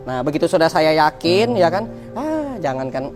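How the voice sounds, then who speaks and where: A man, an interview guest, telling a personal story in a vivid, repetitive way that swings from loud to hushed. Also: on the high side, very animated, normal speed, faint music behind.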